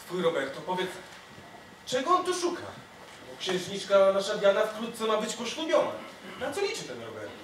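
A man's voice: sits high, wildly swooping pitch, normal speed, a little hiss or hum. A student actor playing a grey-haired, scheming old father-in-law in a stage comedy, giving orders, recorded from far off on an echoey stage. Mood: anxious. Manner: bossy, orders people about.

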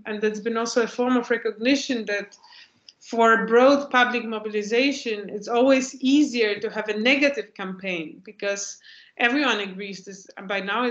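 A woman from Poland gives a thoughtful lecture answer over a video call from a home room lined with bookshelves, often restarting phrases as she searches for words. Her pitch is medium, and the laptop mic yields an echoey, dull, lo-fi sound.

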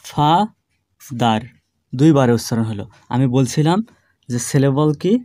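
A man teaching an online grammar lesson, explaining patiently and drawing words out slowly, syllable by syllable. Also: mid-range voice, mellow, dry recording. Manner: slow, drawn-out syllable-by-syllable demonstrations; patient, explanatory classroom delivery.

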